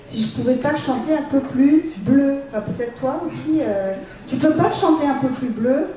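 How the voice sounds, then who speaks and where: A woman's voice: sits high, normal speed, noisy background. A woman who sings cartoon theme songs, telling studio stories with a laugh on a convention panel. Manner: laughing, chatty storytelling. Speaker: cartoon theme singer, guest. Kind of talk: anecdotal convention panel talk. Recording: echoey hall, distant mic.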